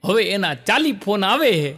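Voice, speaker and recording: A man telling jokes on stage, quick rural punchlines, jumping in pitch for the characters he quotes. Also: sing-song, noisy background. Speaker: stand-up joke teller. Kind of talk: comic storytelling.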